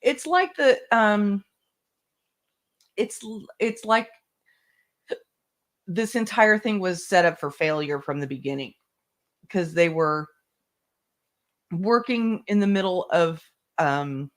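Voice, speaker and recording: A livestream host commenting casually on a trial, halting and full of fillers, with the hiccups. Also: medium pitch, fairly bright tone. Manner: halting, filler-heavy, many restarts. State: has the hiccups. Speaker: trial-watching stream host. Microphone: streaming mic.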